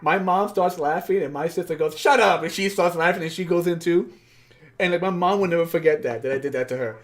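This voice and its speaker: A man's voice: fairly high pitch, fast. A man chatting casually while working on a craft build, rambling with fillers and asides. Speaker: craft streamer. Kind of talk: casual build-along chat. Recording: faint background music.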